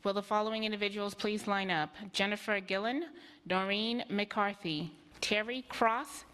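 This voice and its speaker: A woman's voice: mid-range voice, fairly even intonation, moderate pace, a bit bright, clear, resonant tone. A woman making formal announcements as a meeting moderator, reading out names. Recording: long hall reverb, distant.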